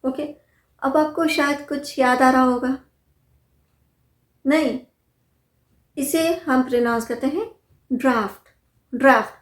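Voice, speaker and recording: A woman teaching English pronunciation in a casual video lesson, chatting with the viewer, asking questions and repeating words slowly. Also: sits high, roomy sound.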